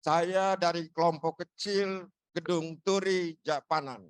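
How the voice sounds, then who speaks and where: A man's voice: a little high, steady tone, slow, clean tone, no echo. A man from Ambon sharing an earnest, preacher-like word at a church gathering. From Ambon, Indonesia. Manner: earnest, preacherly, rising in emphasis on scripture. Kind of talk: sermon-style sharing.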